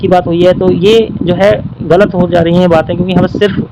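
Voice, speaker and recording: Male teacher, fairly high voice, walks through test questions with patient repetition; faint traffic hum behind. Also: level tone. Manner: explains patiently, repeats key points. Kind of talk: exam-prep lesson, solving questions.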